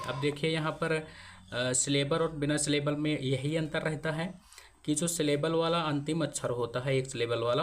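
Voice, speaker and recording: A man teaching how to spell names in English, explaining step by step as he writes, with pauses while he works. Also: mid-range voice. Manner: slow, explaining step by step while writing on a board. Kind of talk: spoken lesson on spelling Hindi names in English.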